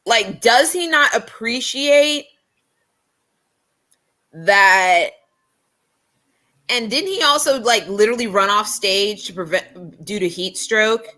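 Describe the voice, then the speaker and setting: A woman co-host with a bright, ringing voice talks in blunt, emphatic bursts. Her casual podcast chat has a sarcastic edge, and she hammers her points home. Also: mid-range voice, expressive, takes it slowly, long pauses.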